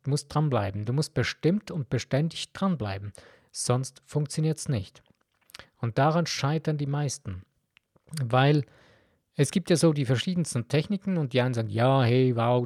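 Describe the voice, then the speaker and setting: A man's voice: medium pitch, a little mellow, husky, no room sound, studio quality. A man with a German accent hosting a podcast, talking earnestly to the listener in a self-help monologue, often restarting his sentences. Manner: earnest, addresses the listener directly, frequent restarts. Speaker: podcast host.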